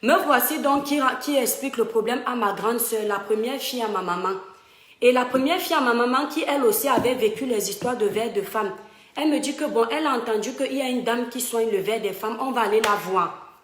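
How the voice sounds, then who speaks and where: Woman, fairly high voice, emphatic storyteller, echoey home room. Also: a little fast. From Cameroon. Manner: emphatic, fond, addresses viewers directly. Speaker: live-stream storyteller. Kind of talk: casual storytelling to online followers. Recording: roomy home echo.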